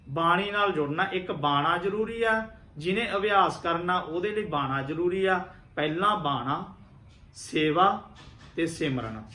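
A man's voice: high voice, bright, forceful tone, echoey room. A man, a Sikh religious teacher, giving earnest instruction to viewers and repeating key points.

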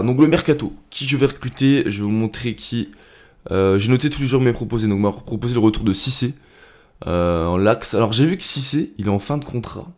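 A young man giving casual, rambling commentary on his football game career, with lots of fillers and excited shouts at goals. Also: fairly low pitch. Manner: chatty, rambling, many fillers. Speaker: gaming YouTuber.

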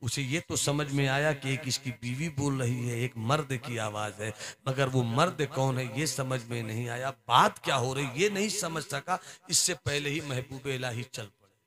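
A man's voice: medium pitch, moderate pace, fairly bright tone. A male preacher giving a sermon, telling a story with dramatic, rhythmic repetition and sung verse.

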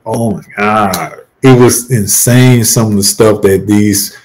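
A man's voice: lowish voice, fairly even intonation, slow, slight background noise, rough recording. A man hosting a podcast, talking in a casual, affirming way. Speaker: podcast host.

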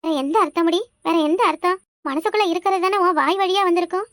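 A woman voicing a proud, sharp-tongued old village mother-in-law in a cartoon, scolding with rapid-fire questions. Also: very high-pitched, dry recording, clean studio sound. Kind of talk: cartoon voice acting.

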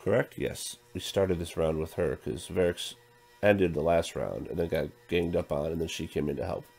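A man's voice: low-pitched, normal speed, creaky, breathy edge, faint music behind. A man casually talking through a tabletop game playthrough, counting dice aloud and reading the game text. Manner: counts dice out loud, thinks through moves.

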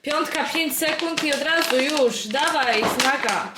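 A woman's voice: sits high, a little slow, roomy sound, very noisy. A woman vlogging at home, cooing at her dog in baby talk. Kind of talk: casual home vlog.

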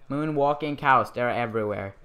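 A man's voice: medium pitch, normal speed, bright, forceful tone, clean tone. A man giving goofy, playful, rambling let's play commentary as he plays. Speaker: gamer.

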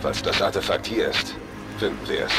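An actor playing a dutiful, cold paramilitary officer in a video game, giving formal, clipped reports. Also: male voice, low voice, moderate pace, close to an everyday voice. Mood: cold, businesslike. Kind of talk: dramatic video game acting. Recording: loud game music behind.

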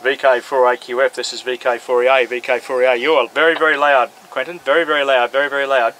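Out on a grassy hillside, a forty-something Australian man demonstrates amateur radio informally. His mid-range voice is level and fairly bright, and he talks quickly. The audio is poor, with clear outdoor background noise.

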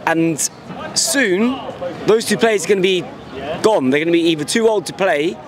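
A football fan in his twenties speaks passionately and emphatically in a street vox pop interview outside a busy stadium, repeating words as he goes. His voice is high-pitched and moderately paced, with crowd noise around him. The interviewer holds a handheld mic.

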